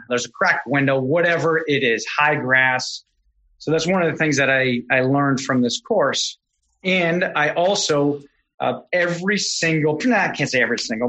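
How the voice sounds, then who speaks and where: A middle-aged man, a podcast guest, telling stories in a casual, animated way, often correcting himself mid-sentence. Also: mid-range voice, rough recording. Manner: animated, self-correcting storyteller. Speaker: podcast guest, real estate investor. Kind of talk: casual storytelling.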